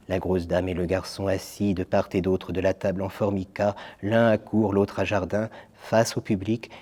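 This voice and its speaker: A French man reading a theatre text aloud at a slow, measured, hushed pace. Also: on the low side. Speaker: reader.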